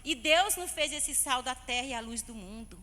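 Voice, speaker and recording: A Brazilian woman stands before her church to give a heartfelt testimony, speaking to the congregation as brothers and sisters. Her voice sits high and sounds bright and ringing. A long reverb from the church hall trails after each phrase. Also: expressive, moderate pace. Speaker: church member giving testimony.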